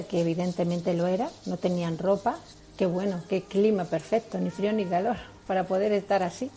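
A woman's voice: mid-range voice, dark tone. A woman with a Spain Spanish accent preaching a sermon on marriage, earnest and explanatory, often asking rhetorical questions.

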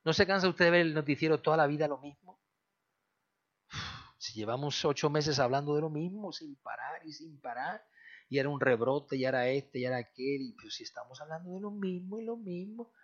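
A man from Spain preaching a sermon as pastor, swinging between loud bursts and soft low phrases. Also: a little fast. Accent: Spain Spanish. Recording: dull lo-fi recording.

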